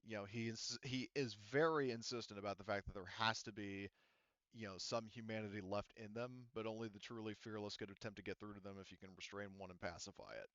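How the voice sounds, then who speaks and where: A man acting as game master relays a character's words to the players hesitantly, filling his speech with "you know" and "like." He talks fast in a steady, somewhat low, slightly bright voice, on a dry, dull-sounding recording.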